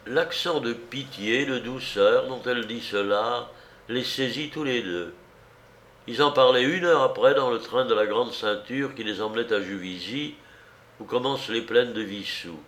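A male narrator reads classic fiction slowly and deliberately. His middle-pitched voice has a roomy echo around it. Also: fairly bright tone, slight background noise.

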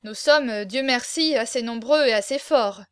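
A woman's voice: on the high side, a little slow, clean tone, no echo, studio quality, lightly acted. Bluff boastful courtier, read by a woman. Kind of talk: audiobook character reading.

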